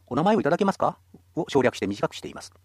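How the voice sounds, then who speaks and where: A man's voice: on the high side, sing-song, racing, slightly rough, no room sound, clean studio sound. A man teaching a radio language lesson, explaining patiently and encouraging listeners.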